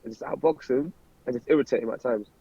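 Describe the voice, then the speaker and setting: A man's voice: mid-range voice, fast talker, vocal fry, warm tone, husky, dull audio. A man, a professional boxer chatting casually in an interview, rambling and repeating words as he starts sentences. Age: 20s.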